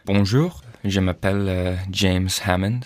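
Low-voiced hesitant man. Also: steady tone, a little slow, faint music behind. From Canada. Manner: hesitant, frequent "euh" fillers. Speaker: pastor, guest. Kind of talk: personal testimony.

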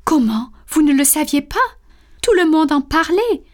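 A woman's voice: high voice, lively intonation, moderate pace, pitched above the performer's own voice. A woman voicing an elderly woman in a storybook reading, asking insistent, incredulous questions. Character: elderly woman, surprised, blunt.

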